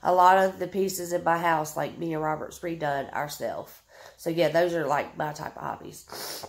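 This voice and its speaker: A woman's voice: low-pitched, normal speed, creaky. A woman in her thirties with a Southern US accent, stuffed up and sniffling, chatting casually to camera as she answers viewers' questions. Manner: chatty, drawling, many ums, reads comments aloud.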